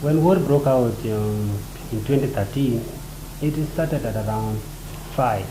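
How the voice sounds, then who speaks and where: A man from South Sudan interpreting an interview in the first person, speaking in halting short phrases with many fillers. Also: medium pitch. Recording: roomy echo with ambient noise.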